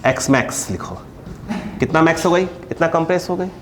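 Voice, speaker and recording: A man's voice: on the high side, expressive, a little fast, slight background noise. A man teaching physics to a class at a board, stretching key terms and constantly asking students to answer back.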